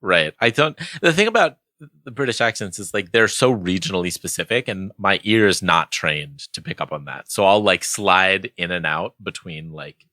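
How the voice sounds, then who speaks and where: A man co-hosting a podcast in relaxed, rambling chat. His voice is very deep but carries a bright, forceful edge. The recording is dry and close. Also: moderate pace, no room sound. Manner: relaxed, rambling, self-correcting. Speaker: podcast co-host. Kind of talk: casual chat.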